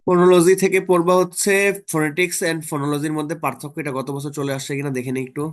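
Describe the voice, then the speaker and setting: A man's voice: fairly high pitch, flat delivery, fairly quick. A man tutoring students through exam topics in a casual online lesson, often checking in with them.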